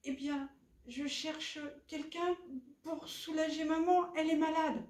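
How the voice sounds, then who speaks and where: A woman's voice: sits high, steady tone, unhurried, a little mellow, pitched above the performer's own voice. A woman voicing a young son fish, earnest and urgent, in a roomy, distant recording. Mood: worried.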